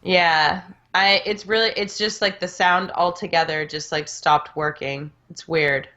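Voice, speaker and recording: Woman on a phone speaker, low-pitched, muffled lo-fi sound, rambling casual chat. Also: fairly even intonation, a little slow, bright, forceful tone. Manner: rambling, full of "like" fillers. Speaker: podcast co-host.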